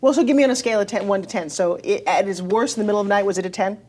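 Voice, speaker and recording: Female infomercial presenter, brisk pace, mid-range pitch, polished and prompting with guests and viewers. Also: a little mellow. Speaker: infomercial host.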